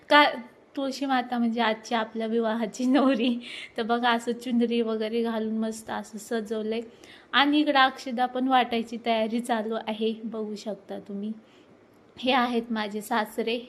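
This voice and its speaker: A woman in her thirties chatting excitedly to viewers while filming a family ceremony at home on her phone. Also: on the high side. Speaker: vlogger. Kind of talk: casual vlog narration. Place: at home during a family ceremony, indoors and outdoors. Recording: faint background noise.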